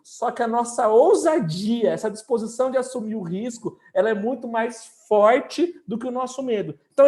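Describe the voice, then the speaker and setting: Casual interview guest: high-pitched man, rambling anecdotes. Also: a little mellow. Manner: storytelling, many fillers. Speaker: guest entrepreneur.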